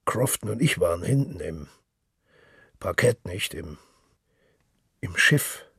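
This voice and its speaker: A man's voice: low-pitched, lively intonation, takes it slowly, gravelly, sharp tone, slightly rough, dry recording, clean studio sound, heavily acted. A man voicing a touchy bedridden middle-aged invalid who recalls things eagerly.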